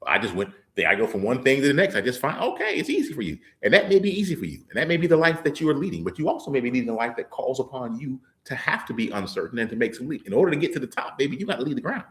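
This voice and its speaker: A man preaching at a church service, his pitch rising and falling widely as he talks. He sounds emphatic and folksy and often stumbles and restarts his words. His voice sits at an ordinary middle pitch. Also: sing-song, rapid-fire, few pauses, fairly bright tone. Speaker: lay preacher and trial lawyer. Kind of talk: sermon.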